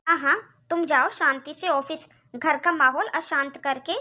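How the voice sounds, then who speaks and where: A sharp-tongued young wife complains and argues in this cartoon, as a woman voices her. Her voice is very high and piercingly bright, with a tense edge. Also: fairly even intonation, moderate pace. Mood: angry. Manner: complaining, argumentative. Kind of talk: cartoon voice acting.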